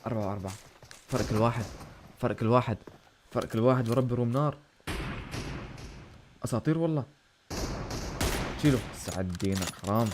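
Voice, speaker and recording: A man commentating his own game on a live stream, excitable, shouting at big plays and thanking donors warmly. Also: mid-range voice, fast talker, long pauses, noisy background. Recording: game gunfire and music behind.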